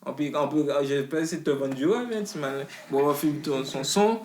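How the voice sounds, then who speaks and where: A man's voice: fairly high pitch, animated, a little fast, a loud crowd. A man, a rapper talking as an interview guest in a loose, slangy way full of restarts. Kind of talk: casual interview chat. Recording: roomy echo.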